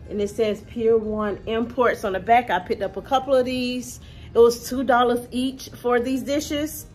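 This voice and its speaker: A woman, chatting casually to camera about her thrift finds from her living room and calling her viewers y'all. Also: a little high. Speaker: thrift haul vlogger. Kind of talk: casual haul vlog to camera.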